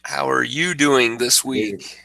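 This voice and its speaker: A man co-hosting a casual podcast, hoarse from a cold and laughing often as he chats. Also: medium pitch, slow, sharp tone, no echo, low-quality recording. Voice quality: gravelly. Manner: laughs often, loose and chatty. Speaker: podcast co-host.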